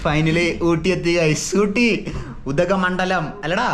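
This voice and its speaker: A young man with a Kerala Malayali accent talks to his vlog viewers in a high, excitable voice. He sprinkles English words and slang through his Malayalam. The recording is noisy, with outdoor ambience and vehicles around him. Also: a little slow. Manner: excitable, exclamatory, addresses viewers often. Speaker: travel vlogger. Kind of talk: casual travel vlog chat to viewers. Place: mostly outdoors on town streets.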